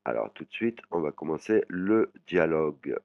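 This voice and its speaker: A man teaching a language lesson, explaining words slowly and adding "hein" after many phrases. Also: rumbling low, very animated, vocal fry, no echo. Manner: frequent "hein" tags, slow drawn-out sample words. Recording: dry, muffled lo-fi voice.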